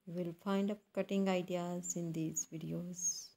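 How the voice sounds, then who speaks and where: Female YouTube narrator, lowish pitch, very unhurried, phrase-by-phrase scripted read. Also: flat delivery, mellow. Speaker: YouTube channel host. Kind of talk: scripted voice-over narration for a slideshow.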